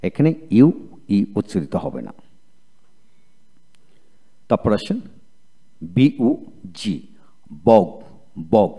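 In this video lecture, a Bengali-accented man with a lowish, mellow voice teaches English spelling. He works slowly through each word letter by letter, repeating it in a steady drill.

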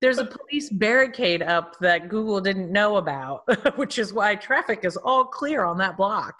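A woman hosting a casual podcast chat, telling stories in a chatty, lively way. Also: mid-range voice, normal speed. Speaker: podcast host.

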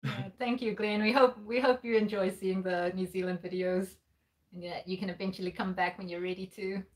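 A woman's voice: mid-range voice, steady tone, brisk. A bubbly woman co-hosting a casual livestream from home, reading out viewer comments and laughing often. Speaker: livestream co-host. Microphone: laptop setup at home.

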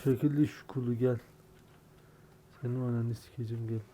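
Gaming commentator, young guy, sick and hoarse, mellow dark tone, curses and yells when the game fails. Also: medium pitch, fairly even intonation, moderate pace, slight background noise. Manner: frustrated, swearing, bursts into shouting. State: sick, voice worn. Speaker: gaming YouTuber. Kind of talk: gameplay commentary.

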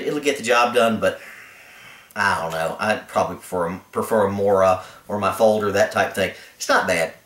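Indoors, with his camera pointed at a carpeted floor, a man with a lowish, fairly bright voice casually reviews a cheap knife on his own channel. He's laid-back and rambling but blunt in his opinions, and the sound is roomy.

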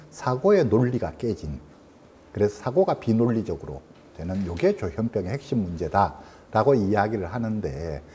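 A man in his sixties lectures as a psychologist, his husky voice mellow and dark. His pitch swings widely as he stresses points, rising sharply and then dropping low as he explains things patiently. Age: 60s. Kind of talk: educational lecture.

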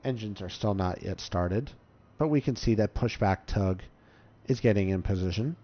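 A man with a fairly low voice hosts a tutorial, walking through a game at a moderate pace in a casual, instructional manner. His microphone sounds slightly dull and muffled.

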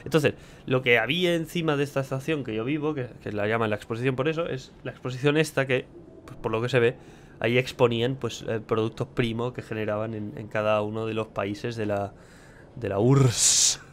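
A man's voice: mid-range voice, fairly quick, slight background noise. A young man, commentating his gameplay casually, joking and swearing. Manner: chatty and joking, swears a lot. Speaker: gameplay streamer.

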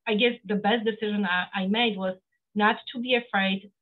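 Talking from an indoor home office over a video call, this middle-aged woman from Poland, an accountant, is a guest in a casual interview. She speaks earnestly in a Polish accent with a steady, mid-range voice at normal speed, with many fillers and restarts, and the sound is narrow and phone-like.

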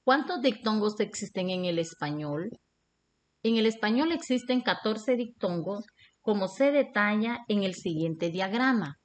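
A woman teacher with a Honduran Spanish accent, reading a scripted lesson in a slow, deliberate way. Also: medium pitch, lively intonation.

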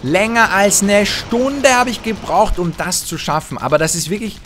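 A young man gives lively, trash-talking commentary over his own gameplay, humming and muttering to himself. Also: high voice, moderate pace, slight background noise. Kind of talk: excited let's-play commentary. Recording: game sound effects and gunfire behind voice.

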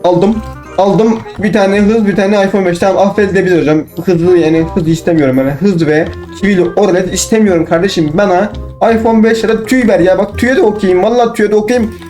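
A young man commenting on his own gameplay, excitable, talking to himself and bursting into shouts. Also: high voice, fast, faint music behind. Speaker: gaming channel host.

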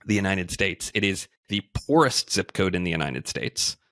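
A man in his thirties, a guest on a remote video call, explaining things in a measured way with frequent fillers. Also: sits low, animated, fairly bright tone, dry recording. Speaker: podcast guest, housing entrepreneur. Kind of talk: conversational interview.

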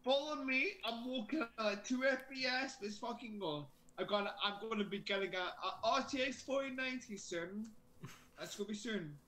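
Drunk, sweary Scottish man, bright voice. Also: sits high, normal speed, a little hiss or hum, poor audio. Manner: drunken, rambling and repetitive. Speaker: gamer playing Minecraft with a friend. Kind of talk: casual, sweary gaming chat.

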